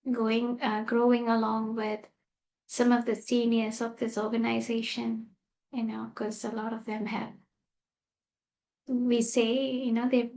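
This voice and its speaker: Slow, soft-spoken woman from Malaysia. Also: fairly high pitch, poor audio. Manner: soft-spoken and unhurried, with gentle fillers. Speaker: guest speaker, meditation teacher. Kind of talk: reflective personal storytelling.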